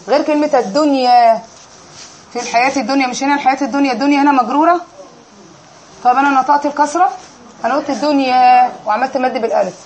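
A woman's voice: high-pitched, slight background noise. A woman with an Egyptian accent teaching an Arabic grammar lesson in a classroom, quizzing her students and drilling them on each answer.

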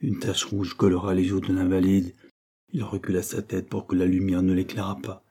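A man narrating a classic novel as an audiobook reader, in a measured, even storytelling manner with a husky voice. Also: sits low. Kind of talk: scripted literary narration.

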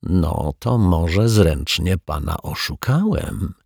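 A man voicing a sly, menacing male stage magician with a raspy voice, in a storybook reading. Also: low voice, animated, a little mellow, no echo, studio quality, exaggerated voice. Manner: slow, mocking, teasing menace.

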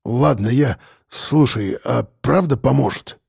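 A man voicing a rough, evasive middle-aged working man who grumbles and mumbles in halting speech. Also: medium pitch, darkish tone, no room sound, clean studio sound, full character voice. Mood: grumbling.

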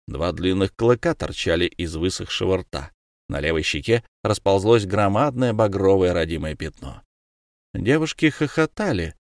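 A man narrating a classic adventure novel in a lively, expressive reading. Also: lowish voice, dry recording, clean studio sound. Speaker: audiobook narrator.

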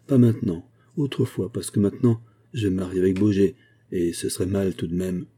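A man's voice: low-pitched, brisk, dark tone, breathy edge. A man voicing a cheerful, motherly young seamstress who coaxes her friend in a chatty way. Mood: coaxing. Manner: coaxing, chatty.

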